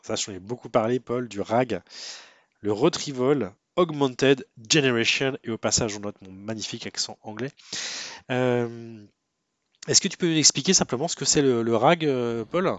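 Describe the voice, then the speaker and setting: A man's voice: medium pitch, moderate pace, no room sound, dull audio. A man giving a casual webinar lecture, talking to a student in a conversational way with many fillers and restarts.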